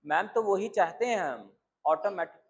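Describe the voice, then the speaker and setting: A man's voice: high voice, lively intonation, normal speed. A man leading a live breathing class, calling students forward and checking whether they understand. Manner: calls students up, checks them, asks if it is clear. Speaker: breathing instructor.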